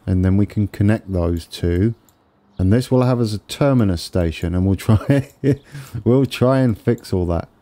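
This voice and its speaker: A man with a low, mellow voice talks through a game build in a casual way. He sounds wheezy and congested. His delivery is tentative, as he thinks each step through out loud. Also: unhurried. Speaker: gaming video host.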